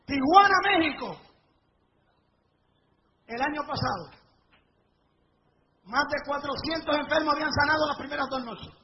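High-voiced fervent male evangelist preaching. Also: unhurried, pauses often. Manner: fervent storytelling, rising to shouts at climaxes. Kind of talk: live revival sermon with testimony. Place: church or revival meeting before a live congregation. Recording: dull lo-fi recording with faint noise.

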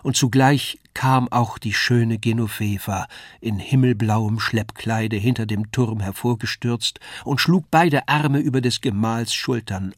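A man reading a classic novella aloud in measured storytelling narration. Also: mid-range voice, no room sound, studio quality. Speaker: reader.

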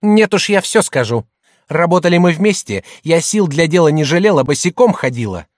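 Audiobook: man plays a shrill, scornful middle-aged merchant's wife, loud and hectoring. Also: expressive, moderate pace, no room sound, clean studio sound, natural voice. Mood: shouting.

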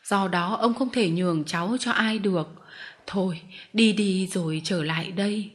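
A stern old man who runs a travelling show of performing dogs, as a woman reading the story gives him voice. He speaks in curt, commanding words at an ordinary pitch, and he expects to be obeyed. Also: moderate pace, close to an everyday voice. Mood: firm. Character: stern old male street-show master.

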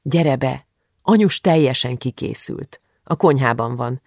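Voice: medium pitch, animated, creaky, no room sound, clean studio sound. A reader voicing an irritable teenage older sister who scolds with exasperation in an audiobook. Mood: scolding.

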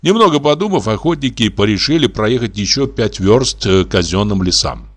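Lively male story narrator. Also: lowish voice, moderate pace. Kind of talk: audiobook reading of a comic story.

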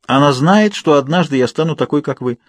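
A man voicing a stubborn young woman in a hospital bed, talking back with quiet defiance. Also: fairly high pitch, expressive, brisk, no room sound, voice pushed up. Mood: defiant.

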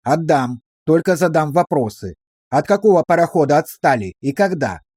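A shrewd village policeman, read by a male narrator, who questions slowly and drily, with a stern, ironic edge. The voice sits a little high for a man and is recorded close and dry, like an audiobook. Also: animated, darkish tone, breathy edge, dry recording. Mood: interrogating.

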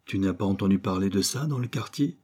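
A man voicing a sharp, commanding detective in an audiobook, firing off brisk questions and orders in a raised, higher voice. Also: husky. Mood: brisk, probing. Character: sharp, commanding male detective, mid-life.

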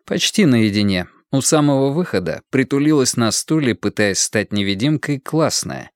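A man reading an audiobook in a measured, dramatic storytelling manner. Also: mid-range voice, lively intonation, no room sound, studio quality. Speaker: audiobook narrator. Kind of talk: audiobook narration.

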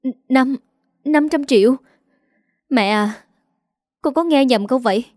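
A woman voicing a young office-worker daughter, soft and pleading with her mother. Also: on the high side, expressive, unhurried, no room sound, clean studio sound.

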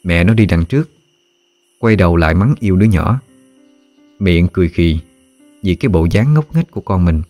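Deep-voiced male narrator, calm and measured, for a spoken story over soft music. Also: no room sound.

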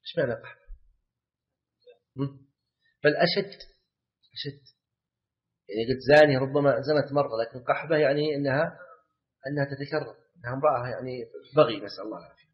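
Male religious teacher, mid-pitched voice, explanatory lecture with repeated words and questions, dull lo-fi recording. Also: fast talker, long pauses. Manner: repeats key words, asks the class questions. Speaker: Islamic scholar teaching a class. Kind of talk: lecture commentary on a legal text.

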